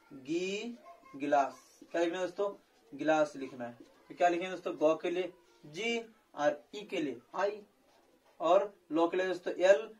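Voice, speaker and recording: A man with a slightly high voice teaches a spelling lesson to viewers. He addresses them as friends again and again. He stretches each syllable slowly as he spells it out.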